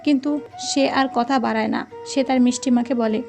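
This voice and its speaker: Female storyteller, high voice, steady scripted narration, soft music underneath. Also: moderate pace, vocal fry. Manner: reads every character's lines in her own voice. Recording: faint music behind.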